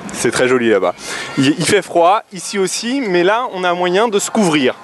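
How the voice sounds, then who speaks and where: A man's voice: sits high, sing-song, moderate pace, a little hiss or hum. A man working as a roving reporter, presenting and interviewing on location. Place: outdoor city street market.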